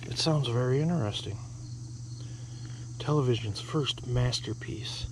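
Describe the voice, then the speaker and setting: Standing beside a car trunk in the countryside, a middle-aged man who resells goods shows his haul in casual vlog narration, speaking in an unhurried, mid-range voice. He muses offhandedly and seems uncertain of the items' values. Insects can be heard on the outdoor body-cam audio.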